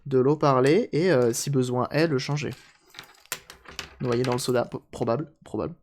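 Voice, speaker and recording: Man, mid pitch, casual live-stream repair chat, light joker, faint background hiss. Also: moderate pace, a little mellow. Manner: chatty, jokey, answers chat aloud.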